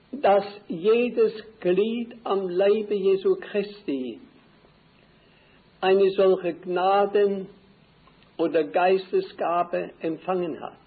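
An older man preaching a sermon slowly and deliberately, repeating key phrases for emphasis. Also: high-pitched. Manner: slow, deliberate, emphatic repetition. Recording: tinny phone-like old recording.

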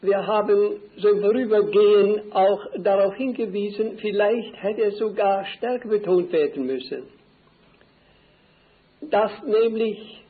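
Slow older preacher, tinny old recording. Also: male voice, high voice. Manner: slow, deliberate, emphatic repetition. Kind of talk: sermon.

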